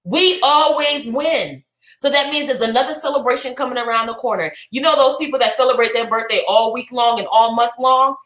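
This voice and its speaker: A woman podcast co-host and business coach giving an energetic, preachy motivational talk that bursts into shouts and cheers. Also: a little high, fast talker, hardly any pauses, reverberant, low-quality recording.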